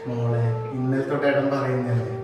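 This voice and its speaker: A man's voice: medium pitch, flat delivery, a little fast, heavy reverb, distant mic, over loud music, lightly acted, rough recording. A man playing a husband soothing his wife. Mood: coaxing. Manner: soothing, coaxing. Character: husband leaving for a Gulf job, comforting his wife. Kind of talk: amateur short-film acting.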